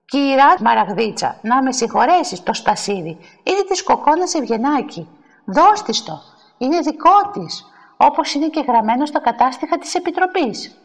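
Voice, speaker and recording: A woman doing a polite church official who calmly explains. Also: high voice, full character voice. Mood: placating. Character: patient woman church official settling a dispute. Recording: long hall reverb.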